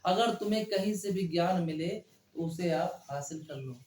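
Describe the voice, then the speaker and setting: In a room with noticeable echo, a man with a fairly high, darkish voice teaches Hindi poetry one line at a time. His delivery is slow and repetitive, and he keeps repeating phrases and putting questions to the class.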